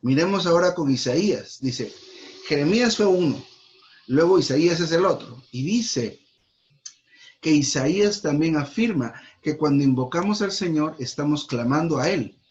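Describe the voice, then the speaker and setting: A man with a Guatemalan accent leading a church Bible study, reading verses and explaining them slowly, repeating key words for emphasis. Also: a little high, lively intonation. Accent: Guatemalan Spanish. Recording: dull lo-fi recording.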